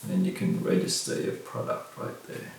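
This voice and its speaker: A middle-aged gear reviewer unboxes products at a table, talking in a casual vlog style with a low, gravelly yet slightly mellow voice that swings hugely in pitch at a normal pace. The bare-walled room echoes heavily, and the distant mic records faint noise.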